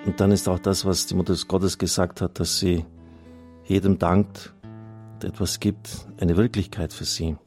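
Over faint music, a priest hosting on radio reads out listener testimonials and makes donation appeals, earnest and plain-spoken. His low-pitched voice is a little mellow, delivered flatly at normal speed.

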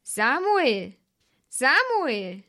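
A woman voicing God in a storybook, with a solemn, unhurried voice that sounds set back and distant. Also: high voice, sing-song, pushed and bright, no room sound, studio quality, voice pushed up, heavily acted. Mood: calling. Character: God, a calling voice from afar.

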